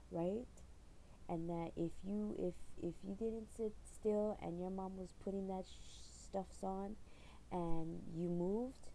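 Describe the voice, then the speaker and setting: Middle-aged woman, rambling vlog storyteller, deep and mellow, faint hiss under her. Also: gravelly, poor audio. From Hawaii. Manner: rambling storyteller with frequent fillers and laughs. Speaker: channel owner. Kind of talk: casual personal vlog.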